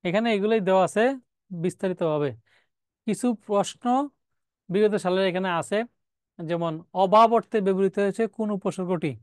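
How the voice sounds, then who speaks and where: A man's voice: high voice, moderate pace, long pauses, a little mellow, smooth, no room sound, studio quality. A man teaching a live exam-prep grammar lesson, explaining step by step, repeating key words and asking rhetorical questions. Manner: reads out student names and comments.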